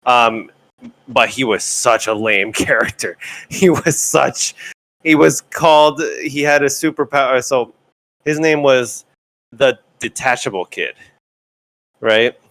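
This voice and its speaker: A man co-hosting a casual podcast chat, excitable and repeating his words. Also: mid-range voice, takes it slowly, pauses often. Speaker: podcast co-host.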